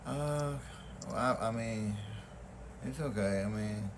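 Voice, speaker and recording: A man's voice: fairly low pitch, takes it slowly, background noise. A middle-aged man from Louisiana, chatting on a phone call in a laid-back way and repeating words as he starts his thoughts. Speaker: brother of the deceased. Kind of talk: casual phone conversation.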